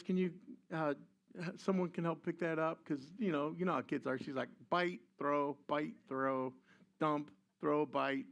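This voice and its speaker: An older man preaching a sermon, telling a family story with animated voiced asides. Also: fairly high pitch. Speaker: pastor.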